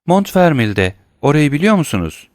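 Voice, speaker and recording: A man's voice: fairly high pitch, big pitch swings, moderate pace, no echo, clean studio sound, pitched above the performer's own voice. A man voicing a timid, obedient little girl in an audiobook, answering with short polite replies. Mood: meek. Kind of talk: audiobook character reading.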